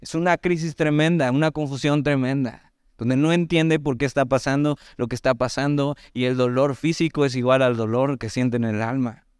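A Mexican man with a Mexican Spanish accent preaching a sermon, teaching through a Bible passage in a conversational way with lively asides and slow readings of scripture. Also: medium pitch, clear, resonant tone, no echo, clean studio sound. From Mexico, Veracruz. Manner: conversational, animated asides, reads scripture slowly.

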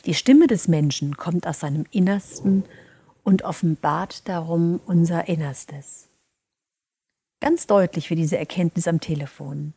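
A woman giving a calm, didactic talk to her listeners, often dropping into soft breathy stretches. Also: fairly low pitch, unhurried. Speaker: speaker on voice and rhetoric. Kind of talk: lecture-style talk to listeners.

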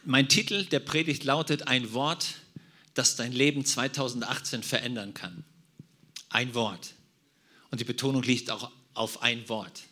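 A man's voice: mid-range voice, moderate pace, sharp tone. A man preaching and praying, talking directly and conversationally to his congregation. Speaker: pastor. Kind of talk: sermon.

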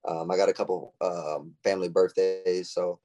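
A young man speaks as a guest on a podcast in a loose, casual way. He keeps acting out little quoted exchanges, so his pitch leaps up and down. The sound is close and dry. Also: normal speed, no echo, faint music behind, rough recording. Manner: animated, acts out quoted lines in shifting voices. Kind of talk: casual chat.

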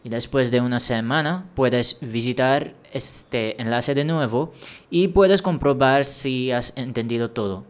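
A smooth, mid-range voice belongs to an Indian man running a language-learning podcast by himself. His advice comes across measured and encouraging, with a few minor restarts.

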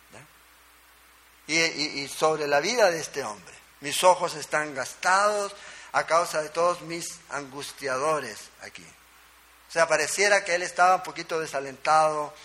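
A man's voice: a little high, bright, forceful tone. A male pastor preaching a conversational sermon, emphatic, with rhetorical questions and a constant checking-in tag to his listeners. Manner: emphatic, with rhetorical questions and short punchy answers. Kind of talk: expository sermon.

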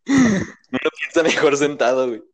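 A man's voice: on the high side, sing-song, normal speed. A young man with a Mexican Spanish accent hosting a casual podcast, joking and rambling with crude slang. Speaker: podcast host.

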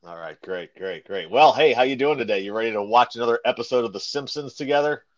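A man hosting a podcast in casual, joking chat, upbeat at times and dropping to low mumbles at others. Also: fast, dull audio. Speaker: podcast host.

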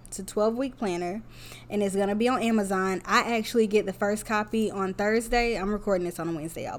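A woman in her thirties talks alone into her podcast mic in an open, heartfelt way. Her voice sits at an ordinary middle pitch for a woman. She speaks to her listeners as y'all, like she is chatting with friends. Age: 30s. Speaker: podcast host. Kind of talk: solo podcast monologue.

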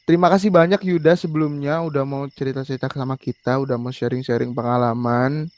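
A man's voice: mid-range voice, steady tone, fast talker, darkish tone, dry recording, dull audio. A male podcast host chatting casually and encouraging his guest with frequent short affirmations. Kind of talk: casual chat.

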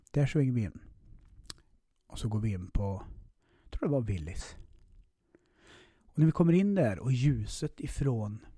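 A man's voice: on the low side, mellow, slightly rough, dry recording, studio quality. A man hosting a podcast, telling a personal story in a casual way with lots of swearing, fillers and restarts. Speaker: podcast host.

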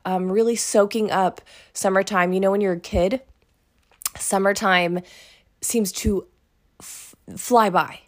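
A woman hosts a podcast in a relaxed, conversational way. Her voice is scratchy, and she rambles along with frequent fillers. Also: mid-range voice, slow, long pauses. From Oklahoma. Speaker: podcast host. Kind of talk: casual podcast chat.

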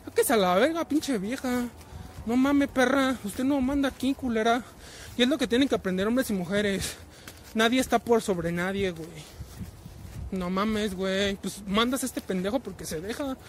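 High-voiced Mexican man ranting profanely. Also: normal speed, a little hiss or hum. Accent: Mexican Spanish. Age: 20s. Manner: profane, slang-heavy, fillers of güey after nearly every phrase. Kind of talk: casual ranting storytelling. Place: travelling in a vehicle.

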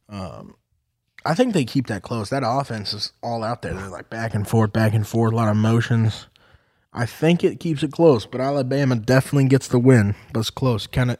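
With a lowish voice captured in a dry, clean studio recording, this sports podcast host talks casually through his football picks. He's rowdy, swears, and erupts in excitable outbursts.

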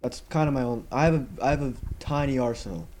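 Mellow-voiced wry teen guy. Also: mid-range voice, quick pace, a little hiss or hum. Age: teens. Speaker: podcast co-host. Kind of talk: casual chat.

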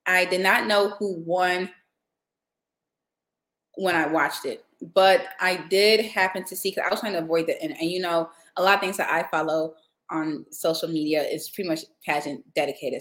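A woman's voice: low-pitched, fairly even intonation, fairly quick, fairly bright tone, echoey room. A woman hosting a casual podcast, chatting in a rambling way with lots of fillers. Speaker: podcast host. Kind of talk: casual chat.

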